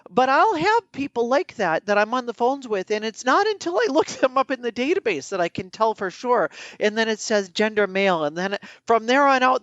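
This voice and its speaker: A woman's voice: medium pitch, dry recording, lo-fi sound. A woman co-hosting a podcast who talks in an earnest, reflective way, stretching her vowels with a sing-song lilt. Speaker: podcast co-host. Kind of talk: casual conversation.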